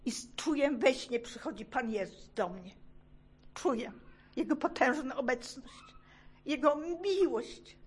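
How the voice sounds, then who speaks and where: A middle-aged woman with a somewhat high voice shares a personal religious testimony before a congregation. She speaks fervently and emphatically, pressing key phrases again and again. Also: lively intonation, unhurried, slightly rough.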